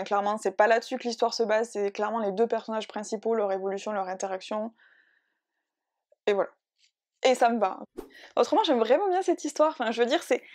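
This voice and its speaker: A woman's voice: fairly high pitch, darkish tone. A woman chatting casually to camera as a book and art vlogger, bubbly and rambling, correcting herself as she goes and laughing often.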